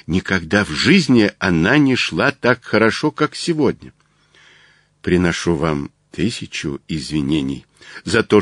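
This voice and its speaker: A man reading the part of an excitable, demanding older colonel who owns racehorses, in a storybook reading. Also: deep voice, dry recording, studio quality, full character voice.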